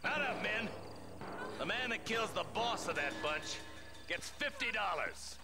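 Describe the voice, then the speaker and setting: A man's voice: high voice, animated, measured pace, gravelly, exaggerated voice. An actor playing a stern, weary frontier lawman in a western game, terse and commanding, with an American accent. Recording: loud music and gunfire behind.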